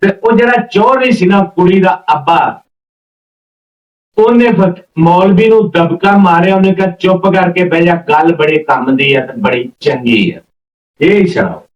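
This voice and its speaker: A man with a high voice tells a folk story at a moderate, unhurried pace, speaking informally and repeating phrases as he links one event to the next. The recording sounds roomy and distant, with a slightly dull mic.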